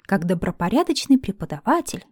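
A sarcastic young woman potion-maker, read by the story's narrator answers with dry irony and blunt orders. The voice is dark and mellow. The recording is close and dry. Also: medium pitch, very animated, brisk, no echo. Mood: firm. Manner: ironic, dry, commanding.

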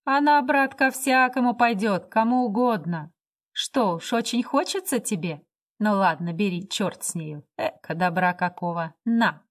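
A woman reading the part of a drunk, coarse man who gives rough, sneering commands. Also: mid-range voice, lively intonation, a little slow, lightly acted. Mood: mocking.

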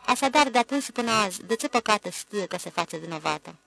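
Gravelly-voiced audiobook narrator. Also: medium pitch, animated, bright, forceful tone, dry recording, low-quality recording.

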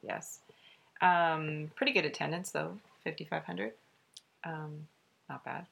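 Give me a woman with a deep, gravelly voice co-hosting a soccer show. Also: steady tone, a little slow, fairly bright tone. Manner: reads out results with fillers. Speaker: podcast co-host. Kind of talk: casual sports chat.

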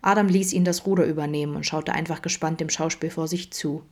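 A woman narrating a fan story as a podfic, steady and measured. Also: low-pitched. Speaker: podfic reader. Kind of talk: scripted narration.

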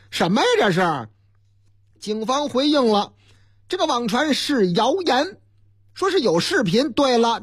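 A man with a Beijing accent runs through the day's headlines on the radio with a husky voice whose pitch jumps all over. He breaks off into jokes and rhetorical questions, and the sound is close and dry with no room echo. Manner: animated, joking asides and rhetorical questions. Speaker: radio news host. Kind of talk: chatty newspaper-review commentary.

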